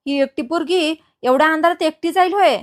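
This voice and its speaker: A woman's voice: high-pitched, a little fast, natural voice. A woman voicing a scheming young man in a retold serial, pushy and insistent. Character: scheming young man, a factory owner's brother.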